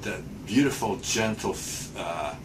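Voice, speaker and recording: Speaking from a small clinic room with background noise, a man in his sixties offers casual interview answers as a patient testimonial. His fairly low voice is animated though a little slow, and he hesitates, filling gaps and restarting often.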